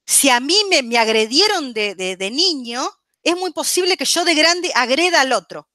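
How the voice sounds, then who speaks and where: A woman talks through psychology ideas for radio listeners. Her voice sits high and sounds bright and forward. She often stops to check in with her audience and fills her pauses with small hesitations. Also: lively intonation, dry recording, clean studio sound. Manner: checks in constantly with the audience, warm teaching tone; chatty, with frequent fillers and restarts. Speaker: psychology speaker on a radio show. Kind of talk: explanatory radio talk.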